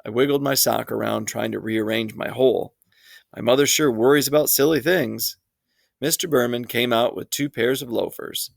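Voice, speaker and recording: A man's voice: mid-range voice, normal speed, gravelly, dry recording, clean studio sound. A man reading a children's book aloud in a first-person storytelling voice. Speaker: reader.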